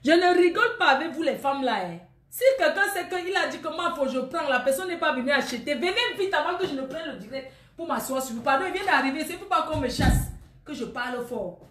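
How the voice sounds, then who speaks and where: Brief: woman, high pitch, teasing and scolding live-stream seller, echoey room. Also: animated, fast talker, a bit bright. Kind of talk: casual live-stream chat with viewers.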